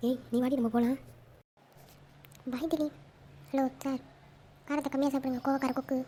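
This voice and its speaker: A woman telling an audio story, acting out lively dialogue among several characters. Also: high voice, normal speed, slight background noise. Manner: animated, switching between characters. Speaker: storyteller voicing all roles.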